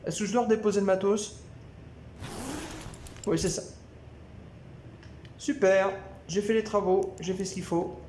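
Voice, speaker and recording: A man commenting on his video game as he plays, thinking aloud with excited exclamations. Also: high-pitched, unhurried, long pauses, slight background noise. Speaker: gameplay video host. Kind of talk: live gameplay commentary. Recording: echoey room with game music.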